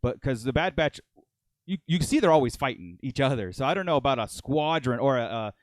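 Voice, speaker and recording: A man's voice: mid-range voice, expressive, a little fast, no echo. A man co-hosting a podcast, chatting casually, rambling and laughing, with lots of fillers. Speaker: podcast co-host. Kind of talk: casual fan chat.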